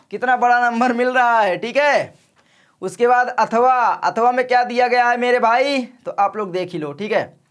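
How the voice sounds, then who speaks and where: Man, young, high voice, sore throat, friendly exam coaching, direct. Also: fairly bright tone. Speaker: exam-prep teacher. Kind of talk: casual exam coaching lesson.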